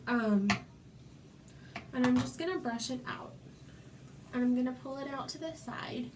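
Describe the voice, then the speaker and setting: A high-pitched woman at a measured pace talks over a noisy background. Nursing a stuffy cold, the Florida native casually chats through a hair tutorial at home, demonstrating as she talks and saying "um" a lot.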